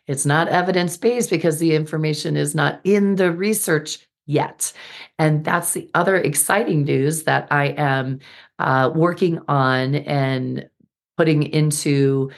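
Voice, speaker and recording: A middle-aged woman hosting a solo podcast, speaking earnestly and with enthusiasm, her voice slightly hoarse after an illness. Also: sits low. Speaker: podcast host and birth healing educator.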